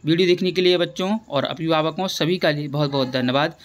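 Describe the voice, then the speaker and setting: A man with a fairly high voice explains a school lesson step by step. He goes patiently through each answer and repeats key words for students. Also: a little fast. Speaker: teacher.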